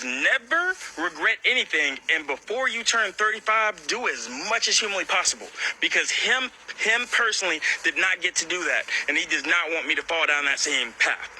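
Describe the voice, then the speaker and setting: A man in his late twenties telling a personal story in the first person, emotional and expressive, stammering when upset. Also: on the high side, low-quality recording. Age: late 20s.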